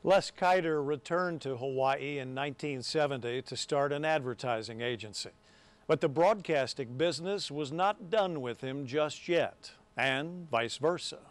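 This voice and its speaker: A male sports anchor narrates a news feature, recalling an old colleague in a reminiscing storytelling manner. His voice sits a little high and sounds dry and close on a studio microphone. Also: unhurried, no echo.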